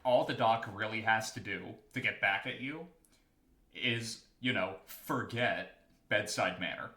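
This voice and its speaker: A man with a low, forceful voice chats casually over gameplay. He is sardonic and sweary, in a roomy-sounding space. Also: unhurried. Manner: sardonic, profane. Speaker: video game streamer.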